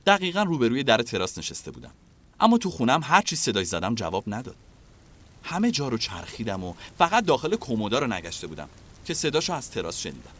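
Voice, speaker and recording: A man reading a scripted story as narrator in an expressive way. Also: medium pitch.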